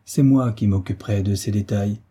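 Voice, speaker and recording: A bold young hero who gives orders, read by a man. He sounds commanding on a dark, husky voice, pitched low. It is an audiobook reading. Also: normal speed. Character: bold young male hero, quick-tempered leader.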